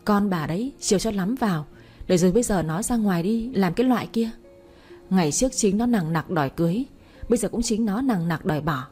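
A woman's voice: medium pitch, lively intonation, brisk, warm tone, breathy edge, faint music behind. A woman voicing an angry, stern elderly father who scolds harshly in a storybook reading. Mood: furious.

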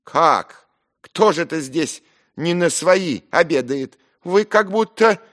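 A man's voice: a little high, animated, slow pace, fairly bright tone, voice pushed up. A man voicing an insolent young man who sneers and giggles shrilly. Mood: sneering.

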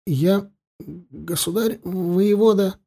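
A man's voice: high voice, very slow, gravelly, dark tone, husky, pitched above the performer's own voice, heavily acted. A man voicing a frightened teenage boy who stammers and falters as he answers.

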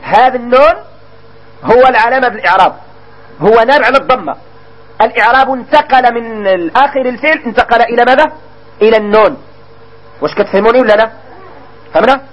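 A Moroccan man with a strikingly high voice leads a grammar lesson in a classroom style. He keeps questioning his listeners and stretches each example word out slowly. The recording is dull and lo-fi. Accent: Moroccan Arabic. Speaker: grammar teacher.

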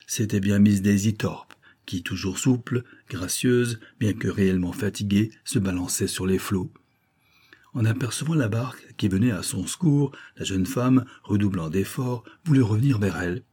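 Low, mellow male narrator. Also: normal speed, slightly rough. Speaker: audiobook narrator. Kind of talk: scripted narration.

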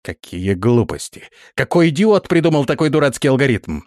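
A man's voice: lowish voice, big pitch swings, normal speed, no echo, studio quality. A man voicing a petulant, panicky prince who squeals and whines his commands. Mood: panicky, shrill. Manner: squealing, whiny, bossy outbursts. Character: panicky, shrill, petulant male prince, middle-aged.

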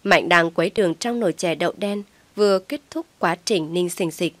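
A woman reading a dramatic family story aloud as narrator, in a steady storytelling manner. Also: on the low side, moderate pace, dry recording. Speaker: audiobook narrator.

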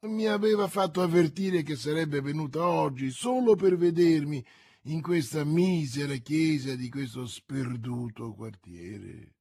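Man voicing a vain musketeer, pompous, declaiming, husky, dry sound. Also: on the high side, lively intonation, unhurried, warm tone, dry recording, heavily acted. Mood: smug. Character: vain boastful musketeer, grand and self-pitying.

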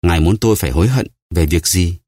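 A man's voice: low voice, fast, warm tone, no room sound, clean studio sound. A man voicing a desperate, starving male prisoner who stammers and pleads, in an audiobook. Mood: terrified. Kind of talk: audiobook character voice.

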